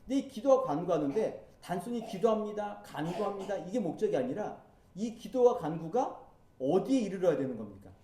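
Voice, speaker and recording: A man's voice: sits high, sing-song, a little fast, mellow, reverberant, far from the mic, a little hiss or hum. A man pastor preaching a sermon in a conversational way, asking his listeners rhetorical questions. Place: church sanctuary.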